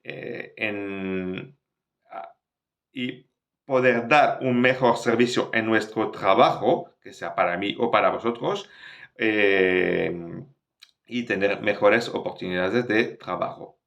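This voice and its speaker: Male French-native tutor, unhurried and hesitant, explaining patiently in a fairly low voice. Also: vocal fry, a bit bright. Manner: slow, explanatory, many hesitations. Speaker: French teacher. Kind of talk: online language lesson.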